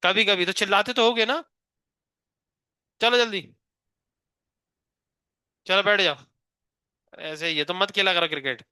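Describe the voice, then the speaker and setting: Bright-voiced teasing male physics teacher. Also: high voice, measured pace, long pauses, smooth, no room sound, clean studio sound. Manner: teasing, coaxing a shy student, counting aloud. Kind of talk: live classroom lecture.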